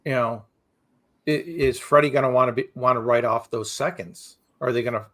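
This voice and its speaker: A man's voice: medium pitch, normal speed, fairly bright tone. A man co-hosting a real estate podcast in casual chat, repeating himself and leaning on "you know" as he talks things through. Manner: loose, repeats words, lots of "you know".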